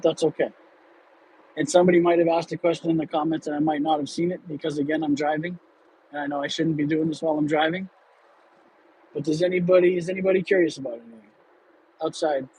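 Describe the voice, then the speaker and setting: Driving in traffic, a man in his late thirties hosts a livestream he didn't plan, talking candidly and casually in a rambling way full of fillers and restarts. His voice is on the high side with a darkish tone, captured in a low-quality recording.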